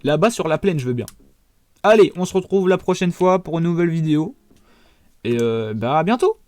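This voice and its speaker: A man's voice: on the high side, very animated, a little fast, a little mellow, dry recording. A young man in his twenties giving casual, rambling gameplay commentary, swearing often and talking straight to his viewers. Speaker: gaming YouTuber.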